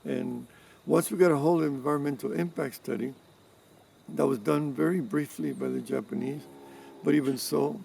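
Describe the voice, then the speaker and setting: An older man in his seventies, originally from Cuba, answers interview questions in a deeply gravelly, dark voice. He explains things in a measured way, pausing and restarting often. The mic sits some distance away, with faint noise behind. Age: 70s. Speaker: interviewee, environmental activist. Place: rural farm in mountains.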